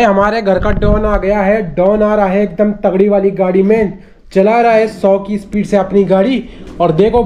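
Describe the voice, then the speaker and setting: A man's voice: high-pitched, darkish tone, lo-fi sound, a little hiss or hum. A young man from Uttarakhand chatting and teasing his family in a casual home vlog. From Uttarakhand, India. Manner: teasing, joking banter. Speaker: vlogger.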